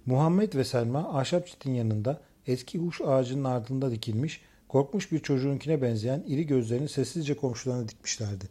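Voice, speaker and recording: Husky, dark-voiced male narrator. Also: medium pitch. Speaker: audiobook narrator. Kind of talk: scripted narration of a thriller novel.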